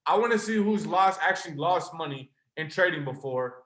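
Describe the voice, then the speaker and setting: Passionate young man pitching on a roomy call. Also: expressive, normal speed, a bit bright. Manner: earnest, passionate, talks straight to the audience. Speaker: trading mentor presenting to a live call. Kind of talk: motivational sales pitch on a webinar. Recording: roomy echo.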